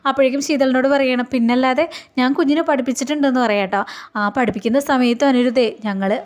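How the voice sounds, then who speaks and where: A woman's voice: high-pitched, fairly even intonation, fast talker. A woman casually retelling a TV serial episode in a chatty storytelling way, often adding friendly tag words.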